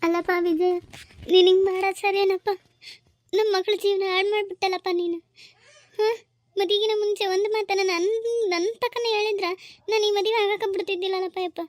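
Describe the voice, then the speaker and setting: A woman's voice: extremely high pitch, fairly even intonation, a little fast, long pauses, no room sound. A woman with a North Karnataka Kannada accent playing an anxious village mother in a family comedy-drama, talking in an emotional, pleading and scolding way.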